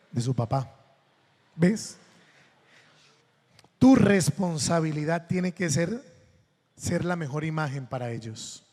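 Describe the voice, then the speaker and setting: A man's voice: on the high side, a little mellow, in a large hall. A Colombian man, a priest giving a sermon, telling funny anecdotes and acting out the voices of the people in them. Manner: anecdotal, humorous, acts out quoted voices.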